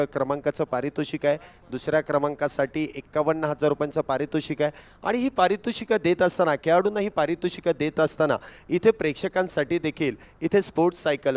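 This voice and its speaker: High-pitched excitable cricket commentator. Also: male voice. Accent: Marathi. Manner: excitable rises on wickets and runs. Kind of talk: live match commentary.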